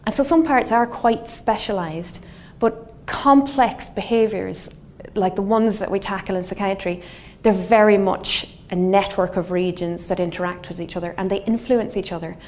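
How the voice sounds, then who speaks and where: Her voice is mid-range, her accent west of Ireland: a middle-aged woman from Galway lecturing as a scientist. She explains things thoughtfully, pausing and halting in a semi-conversational way, while faint constant room noise fills the wood-panelled lecture room around her.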